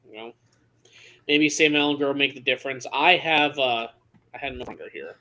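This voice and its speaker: A man's voice: mid-range voice, normal speed, sharp tone. A man co-hosting a casual sports betting chat, blunt and stammering into his points. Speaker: podcast co-host.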